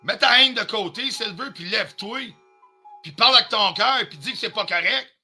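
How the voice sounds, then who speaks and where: A man's voice: sits high, animated, normal speed, pushed and bright, husky, soft background music. A man with a Quebec French accent ranting on a live stream, confrontational and heated, swearing often and dropping in English phrases. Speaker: livestreamer.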